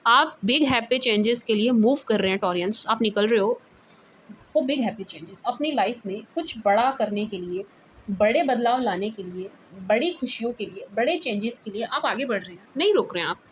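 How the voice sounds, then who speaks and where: A woman with a fairly high voice gives a casual tarot reading to camera, recorded away from her usual spot. She stresses her points by repeating them and laughs often as she goes. Her speech switches freely between Hindi and English, and a faint ambient hum sits under her voice. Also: animated, normal speed. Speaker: tarot reader.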